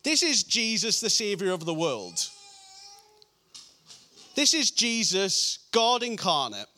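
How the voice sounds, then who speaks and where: A man preaching a sermon, reading scripture passages in a lower, softer voice and slowing down to stress key lines. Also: big pitch swings.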